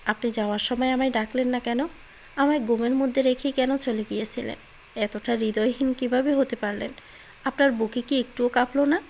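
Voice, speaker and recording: Storybook part: woman voicing a pouting young girl in love, soft and pleading, slight rasp. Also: a little high, moderate pace, slight background noise.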